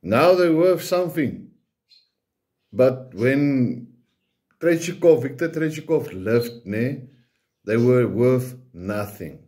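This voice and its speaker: Here a South African man, Afrikaans being his native tongue, preaches informally and haltingly in accented English, regularly ending phrases with a question tag. His mellow voice is medium in pitch with lively intonation, and he goes slowly with long pauses.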